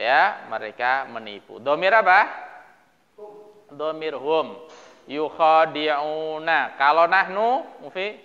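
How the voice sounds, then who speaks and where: An Indonesian man teaching Arabic grammar in a classroom, calling on students by name and chanting verses slowly. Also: fairly high pitch, pushed and bright, in a large hall, dull audio. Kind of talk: classroom lesson drilling verb forms.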